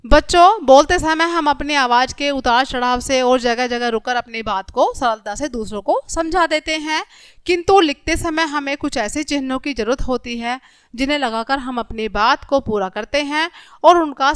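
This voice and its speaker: A woman teacher giving a grammar lesson to young children, speaking to them directly and reading example sentences slowly and clearly. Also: high-pitched, dry recording, studio quality.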